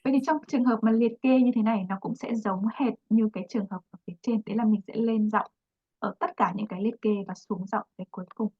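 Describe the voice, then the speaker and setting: A woman's voice: on the high side, fairly even intonation, fast talker, slightly rough, dull audio. A woman teaching an English lesson, patiently explaining and repeating example phrases.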